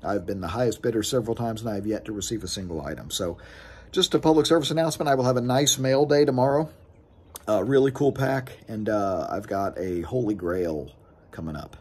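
A man's voice: fairly low pitch, fairly quick, a little mellow, a little hiss or hum. A man in his thirties giving a casual, frustrated vlog rant to his phone camera outdoors on his porch, gesturing with his hands as he talks. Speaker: sports card collecting vlogger. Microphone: phone camera close up.

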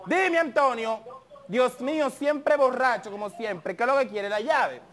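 A man's voice: very high voice, unhurried, fairly bright tone. A man doing a nagging wife. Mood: scolding. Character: scolding wife at the window.

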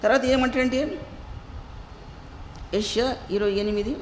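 A woman's voice: fairly high pitch, fairly even intonation, unhurried, darkish tone. A woman preacher delivering an emphatic sermon with a Telugu accent, repeating phrases and asking the listeners rhetorical questions. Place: church hall. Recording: echoey hall with faint noise.

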